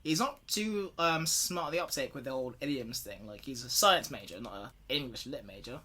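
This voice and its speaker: A man's voice: mid-range voice, expressive, moderate pace, pushed and bright, slightly rough. A man co-hosting a podcast, chatting informally with joking asides and casual commentary. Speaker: podcast co-host.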